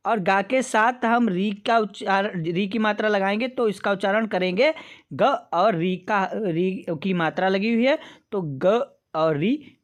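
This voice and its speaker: A woman teaching a beginner reading lesson, patiently sounding out syllables one by one and calling the viewers friends. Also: medium pitch.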